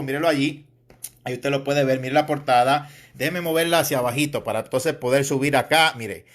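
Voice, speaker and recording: A man's voice: fairly high pitch, a bit bright. A man preaching informally online, mocking his critics and chuckling as he addresses listeners as brother. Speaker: preacher and Bible teacher.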